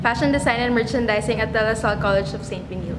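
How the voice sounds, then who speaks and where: A young woman of twenty, a college student, quickly introducing herself to a camera in a large hall. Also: fairly high pitch. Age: young adult. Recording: echoey hall with background noise.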